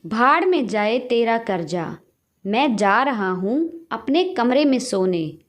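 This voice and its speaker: A woman's voice: a little high, big pitch swings, slow. A woman voicing an impatient, short-tempered grown son in a storybook tale, complaining and irritable. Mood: irritated.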